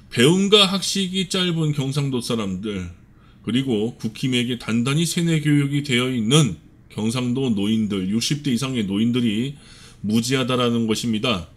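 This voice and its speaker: A man delivering an opinionated political commentary monologue as a channel host, earnest and measured, with frequent hesitant fillers. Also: mid-range voice. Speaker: channel host and life counselor.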